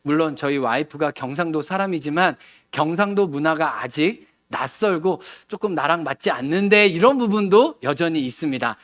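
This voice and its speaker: Give me a conversational Korean pastor, bright voice. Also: male voice, a little high, animated, moderate pace, dry recording. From Seoul. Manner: conversational, asks the congregation questions. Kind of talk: sermon. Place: church sanctuary.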